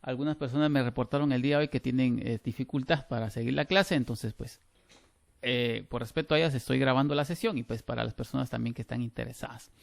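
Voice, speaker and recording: A middle-aged man lectures on grammar over a video call. He talks with animated emphasis and keeps restarting his phrases. The sound is dry and close. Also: medium pitch, vocal fry, no echo. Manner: lively, emphatic, with frequent restarts. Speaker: teacher. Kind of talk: online class lecture.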